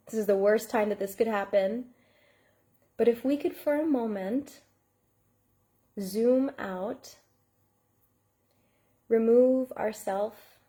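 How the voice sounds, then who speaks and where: A woman's voice: medium pitch, dark tone. A woman coach giving a heartfelt live online masterclass, reading out and thanking viewers in the chat. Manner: earnest, heartfelt, speaks to chat viewers by name.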